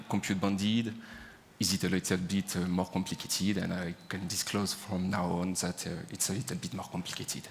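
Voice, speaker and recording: A man with a French accent giving a conference presentation, halting with frequent fillers. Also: low voice, fairly bright tone, a little hiss or hum. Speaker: conference speaker, CPU engineer. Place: large conference hall. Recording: reverberant conference hall.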